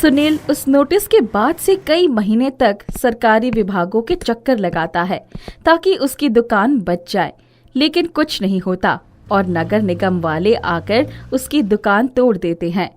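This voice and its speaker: A woman narrating an animated moral story in a scripted, expressive storytelling manner. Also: a little high, unhurried.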